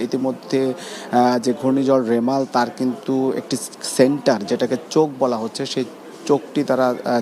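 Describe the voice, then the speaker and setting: A man with a Bangladeshi accent giving an unscripted live news update in wordy, looping explanations. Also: medium pitch. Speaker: special correspondent.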